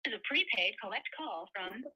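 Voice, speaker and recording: A woman's prerecorded operator message on a prison payphone call, read slowly and flatly. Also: medium pitch, breathy edge. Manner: slow, flat, announcing. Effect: recorded payphone operator message. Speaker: automated call announcement. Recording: tinny payphone line from far off.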